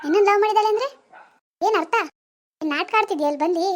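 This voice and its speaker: A woman playing a shrill, fiery village mother. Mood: furious. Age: middle-aged. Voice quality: shrill, scolding. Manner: fast, loud and scolding. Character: strict proud village mother, quick-tempered.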